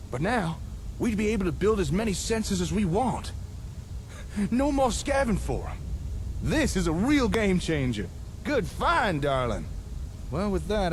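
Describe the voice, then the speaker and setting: An actor playing a folksy, chatty and enthusiastic scavenger engineer companion in a video game. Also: male voice, high-pitched, slight background noise. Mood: pleased, confident, then upbeat, satisfied.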